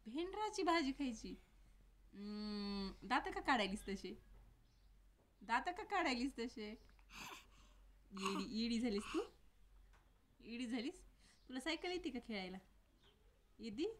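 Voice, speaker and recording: A woman's voice: fairly high pitch, big pitch swings, measured pace, long pauses, a little hiss or hum. Woman coaxing a toddler with questions. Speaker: family member filming a toddler. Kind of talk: casual chat with a small child.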